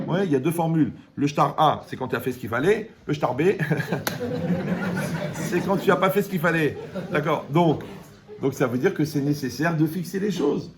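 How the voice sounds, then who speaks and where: A man giving a lively Torah class, joking and asking his audience questions. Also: on the high side, moderate pace, background noise. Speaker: Torah teacher.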